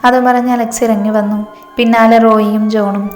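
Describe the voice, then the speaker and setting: A woman storyteller narrating a romance story in a steady, even manner. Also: on the high side, a little fast. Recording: echoey room, long reverb, faint music.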